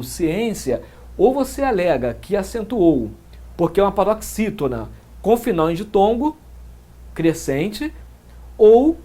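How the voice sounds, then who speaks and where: High-pitched and mellow, this Brazilian-accented lecturer walks students through grammar step by step for an exam, regularly dropping in short tag questions to check they're following.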